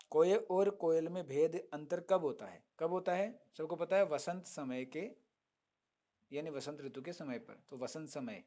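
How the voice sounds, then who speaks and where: A man teaching a Sanskrit lesson, chanting verses slowly, then explaining them and answering his own questions. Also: on the high side, a little mellow. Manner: asks students questions and answers them himself. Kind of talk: online lesson.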